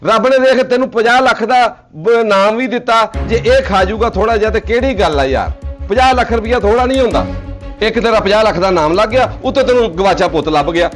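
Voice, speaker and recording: A man's voice: high-pitched, animated, a little fast, faint music behind. A man with a Punjabi accent in a comic sketch, coaxing and persuading in a pleading tone. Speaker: comedy sketch actor.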